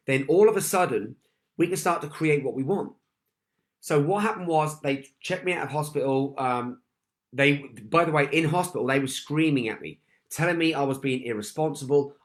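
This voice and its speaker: A man's voice: mid-range voice, fairly bright tone. A man giving a motivational talk, telling a personal story with emphatic repetition and often addressing his listeners as "guys". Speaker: motivational speaker.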